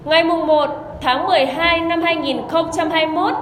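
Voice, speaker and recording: A woman reading a formal, measured official announcement as a commune radio announcer over a public loudspeaker. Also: extremely high pitch, steady tone. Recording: echoey loudspeaker, long reverb, background noise.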